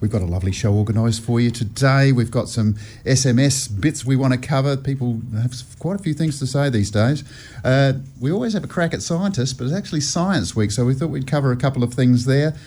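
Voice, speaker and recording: Aussie guy on community radio, chatty, opinionated, laughs a lot, bit husky. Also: medium pitch, lively intonation, brisk, hardly any pauses, darkish tone. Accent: Australian. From Australia. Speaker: radio host. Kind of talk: casual radio chat.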